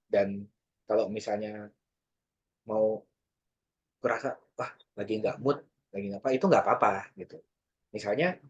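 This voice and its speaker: A man speaks in a relaxed, chatty way during an online workshop, now and then acting out little example lines for his listeners. His voice is slightly husky, of middling pitch. The sound is dull and lo-fi, like audio from a video call. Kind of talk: casual online workshop talk.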